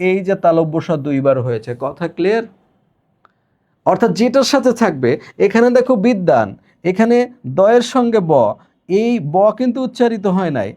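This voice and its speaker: A young man with a slightly high voice gives an exam-prep grammar lesson. He lays out each rule in order, repeats the key points, and asks his own checking questions before answering them. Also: a little mellow. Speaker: teacher.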